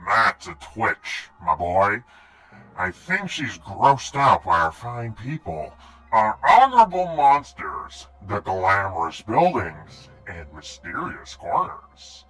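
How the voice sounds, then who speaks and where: A man acts out a suave skeleton master from a game. The delivery is slow and theatrical, swooping in pitch, bright and patronizing. Faint music runs behind. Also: sing-song, heavily acted, poor audio. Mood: sly, soothing.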